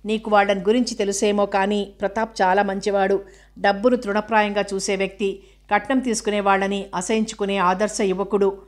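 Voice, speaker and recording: A woman's voice: medium pitch, little pitch movement, a little fast, lightly acted. A woman reading the lines of an eager young bride-to-be in a novel, in an evenly paced, level voice.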